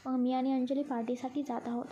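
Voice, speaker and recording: A woman's voice: high voice, level tone, brisk, dark tone, lo-fi sound, slight background noise, close to an everyday voice. A woman voicing a casual young man on a call.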